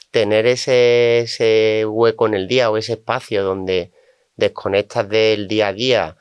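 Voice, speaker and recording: Smooth, low-voiced Spanish coach. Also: male voice, dry recording. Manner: animated, quotes clients in asides. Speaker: coach and guest. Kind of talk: conversational storytelling.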